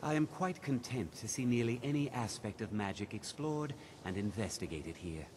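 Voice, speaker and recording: A man's voice: mid-range voice, expressive, moderate pace, natural voice. An actor playing a dignified male archmage who speaks in a formal, stately way. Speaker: game character. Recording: game audio with ambient noise.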